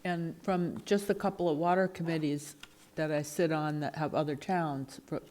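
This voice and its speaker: A woman's voice: low-pitched, steady tone, moderate pace, darkish tone. A woman on a town selectboard, earnestly explaining her views during a meeting. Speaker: selectboard member. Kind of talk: town board meeting discussion.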